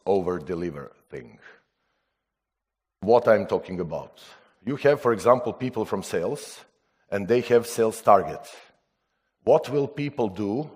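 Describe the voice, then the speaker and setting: A man from Serbia speaking non-native English at a conference, halting with restarts and putting rhetorical questions to the audience. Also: on the low side, a little mellow. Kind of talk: conference talk.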